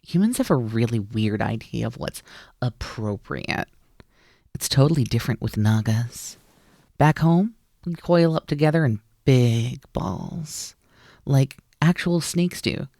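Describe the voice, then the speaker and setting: With a creaky, darkish voice at medium pitch and no room sound, the performer plays a naga snake-demon roommate in an ASMR roleplay. The character is mischievous and teasing, enjoys being in charge, and comes across as playful and coaxing.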